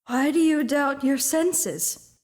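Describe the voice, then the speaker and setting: In a student radio drama, an actor plays the grieving ghost of an old businessman weighed down by chains, speaking solemnly and slipping into breathy whispers. The voice is very high, slow, slightly mellow, and deliberately exaggerated.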